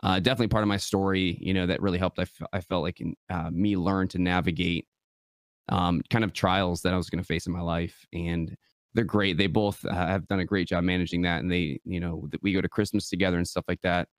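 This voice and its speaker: Young man, very deep voice, West Michigan, casual and earnest guest, dry close recording. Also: fairly quick, no echo. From West Michigan, USA. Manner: relaxed, earnest, many fillers like "you know". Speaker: guest, gaming preacher. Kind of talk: casual interview conversation.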